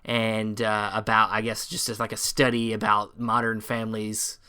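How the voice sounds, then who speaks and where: A man co-hosting a casual film podcast, giving measured, blunt opinions. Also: fairly low pitch, completely flat delivery, sharp tone, clean tone. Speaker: podcast co-host.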